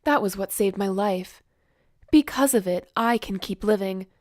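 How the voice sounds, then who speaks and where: A woman's voice: medium pitch, measured pace, darkish tone, no room sound, studio quality, close to an everyday voice. A woman playing a detached, guarded young woman with powers in an anime fan dub, speaking earnestly.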